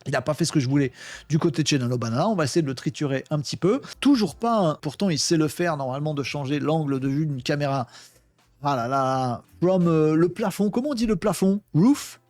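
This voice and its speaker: A man with a slightly high voice talks his way through a casual screen demo, filling pauses with hesitations and quips to himself. The sound is close and dry, with no room around it. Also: animated, a little mellow, no echo. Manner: chatty, thinks aloud, many fillers and self-talk. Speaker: tech video host.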